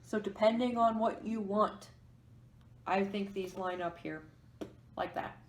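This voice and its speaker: A woman's voice: mid-range voice, measured pace. Tarot reader, female, mid-range voice, thinks aloud while walking through the cards; room with noticeable echo. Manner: musing, explains each card as she goes. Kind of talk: pick-a-card tarot reading to camera. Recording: echoey room.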